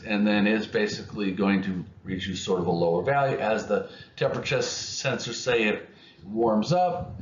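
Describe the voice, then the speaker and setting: A man explaining electronics concepts in an unscripted lesson, speaking haltingly with many restarts and fillers. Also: fairly low pitch. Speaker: electronics educator. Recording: muffled, roomy, faint noise.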